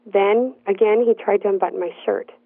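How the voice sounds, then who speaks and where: A woman telling a personal story in the first person, in an earnest, measured narrating voice. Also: mid-range voice, steady tone, vocal fry, slightly rough, no room sound. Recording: dry, tinny phone-like sound.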